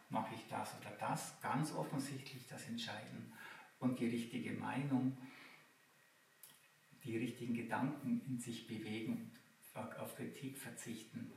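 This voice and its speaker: Man lecturing from far off in an echoey room. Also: mid-range voice. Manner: explanatory, addresses listeners with questions. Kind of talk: live lecture to an audience.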